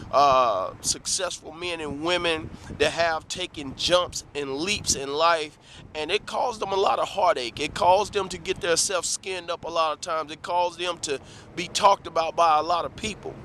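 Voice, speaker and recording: A man's voice: on the high side, sharp tone, slight background noise. A man giving a preachy motivational talk to camera, full of rhetorical questions and repeated calls of "let me tell you something.". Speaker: motivational vlogger.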